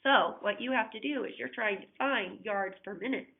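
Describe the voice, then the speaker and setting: Her voice is fairly high, gravelly, and edged with breath, moving at a moderate pace. She's a woman teaching unit conversions in a recorded flipped-classroom lesson, patient and step by step, asking students to check along while coughing often; the sound is tinny and phone-like.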